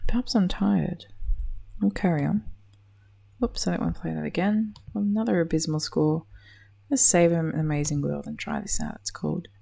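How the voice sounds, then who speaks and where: A woman's voice: sits low, creaky, mellow, breathy edge. An Australian woman giving casual gameplay commentary, muttering dryly to herself, swearing under her breath and often dropping into a whisper. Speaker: game commentator.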